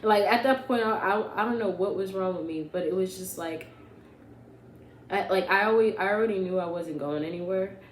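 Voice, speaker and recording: A woman's voice: mid-range voice, moderate pace. Chatty young woman, roomy echo. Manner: chatty, sarcastic, lots of "like" and "you know what I'm saying". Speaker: vlogger. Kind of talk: casual storytime. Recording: roomy echo with faint hum.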